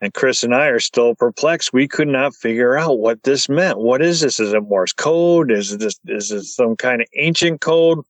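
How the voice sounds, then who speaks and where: A man's voice: medium pitch, moderate pace, hardly any pauses, dry recording, poor audio. Guy on a podcast telling his story all wound up, stumbles over words, dry close mic. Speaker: podcast guest. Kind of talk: excited storytelling.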